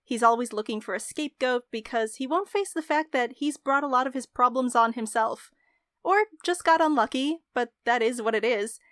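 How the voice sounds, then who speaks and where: A young woman narrating a scripted game review in an articulate, measured way. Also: on the high side, a bit bright, dry recording, clean studio sound. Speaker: video essayist, game reviewer.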